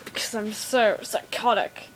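A woman's voice: mid-range voice, steady tone, unhurried, a little hiss or hum, natural voice, low-quality recording. A woman voicing a grumpy, angry male toy hamster who complains in a whiny, sulky way, as in a toy show play.

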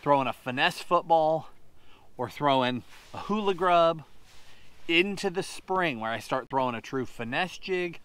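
A man in his thirties talks gear straight to the camera from a boat on a wide lake. He sounds practical and keen, and he moves quickly from one tip to the next as he handles each rod. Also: fairly high pitch, lively intonation, a bit bright, clear, resonant tone. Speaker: fishing show host. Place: on a boat on an open lake outdoors.

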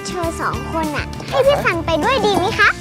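A woman's voice: very high voice, very animated, a little fast. A young female performer playing a chatty, cheeky little girl in a Thai slapstick sitcom, with music over the dialogue. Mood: earnest, cheeky.

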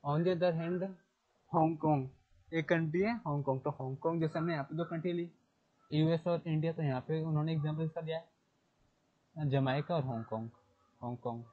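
Husky-voiced male teacher on a tinny line. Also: fairly high pitch, steady tone. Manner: repeats key terms, asks and answers his own questions; reads English text slowly before explaining. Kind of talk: classroom lecture in Hindi mixed with English. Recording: phone-like lo-fi sound.

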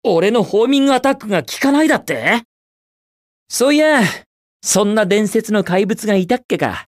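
With a high voice and lively intonation, the man talks at a normal speed; the recording is studio quality, free of room sound. He voices a carefree, cocky young speedster hedgehog hero for a Japanese video game, and his lines come out cool, brash and full of quips.

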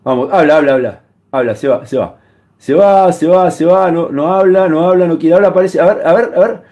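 Man, high voice, insulting and repetitive, live-stream host. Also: fairly quick, muffled recording. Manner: insulting, repetitive, badgering shouts. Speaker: streamer taking calls. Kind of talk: heated live-stream call-in.

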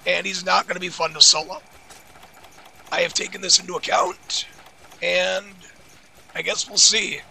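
Hoarse, gravelly high-voiced male gamer. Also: fairly even intonation, normal speed, long pauses, sharp tone, a little hiss or hum. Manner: chatty, self-deprecating, easily puzzled. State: hoarse, raspy voice. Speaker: gaming video creator. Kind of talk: casual gameplay commentary.

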